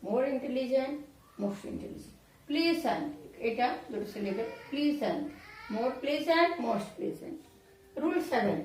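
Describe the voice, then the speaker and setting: A woman teaching English grammar in Bengali, spelling out words letter by letter and repeating examples slowly. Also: high-pitched, darkish tone, recorded from a distance. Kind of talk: explaining grammar rules to students. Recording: very echoey room, voice off-mic.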